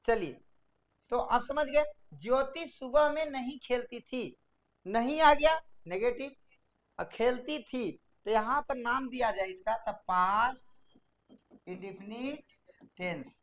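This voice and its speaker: A woman teaching English grammar in a video lesson, drilling students to repeat rules aloud and dictating sentence structures slowly, word by word. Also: fairly high pitch. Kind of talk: classroom-style video lesson.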